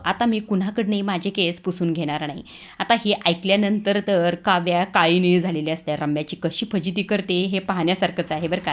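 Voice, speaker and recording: Chatty woman recapping a serial. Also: fairly low pitch. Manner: chatty, with asides to the listener. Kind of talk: colloquial storytelling recap.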